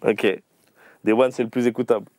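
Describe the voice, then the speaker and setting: Man, host, playful quick questions, laughs a lot, dry close sound. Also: medium pitch, little pitch movement, darkish tone, no room sound. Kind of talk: casual interview on a livestream.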